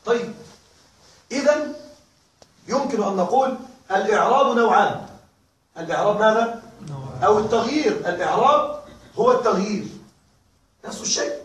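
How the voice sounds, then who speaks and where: Male teacher, high-pitched voice, far from the mic in a very echoey classroom, keeps checking that students follow. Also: expressive, moderate pace, long pauses. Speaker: grammar teacher. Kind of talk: classroom lesson.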